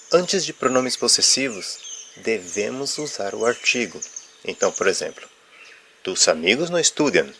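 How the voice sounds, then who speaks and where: Slow, low-voiced man teaching grammar. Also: fairly bright tone, a little hiss or hum. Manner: explanatory, checks in with "ok?"; uses filler "ah" while explaining. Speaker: Spanish teacher. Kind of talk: explaining grammar lesson.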